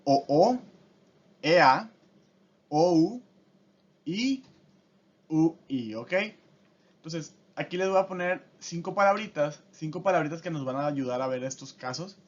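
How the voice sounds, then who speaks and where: Man, fairly high voice, language teacher, step-by-step explaining, dull lo-fi recording. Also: animated, measured pace, long pauses. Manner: explains step by step, often checks in with the listener. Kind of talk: casual spoken lesson. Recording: dull lo-fi audio.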